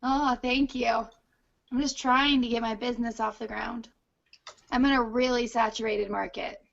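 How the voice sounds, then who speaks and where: A woman's voice: on the high side, fairly even intonation, moderate pace, creaky, fairly bright tone, muffled recording. A woman photographer starting her business, speaking politely and modestly on a video call. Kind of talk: casual group chat.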